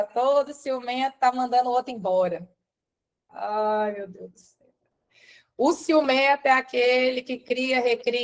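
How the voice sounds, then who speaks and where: A woman from Brazil running a live-stream coaching talk, animated, calling on viewers by name and shifting between soft asides and loud stresses. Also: fairly high pitch. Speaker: relationship coach.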